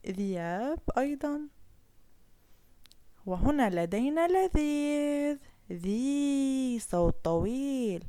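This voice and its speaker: Woman teacher for a kids' reading lesson, fairly high and very expressive, careful slow delivery, dry close sound. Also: dry recording. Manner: slow, clearly sounding out each letter for children. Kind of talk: children's Arabic letter lesson.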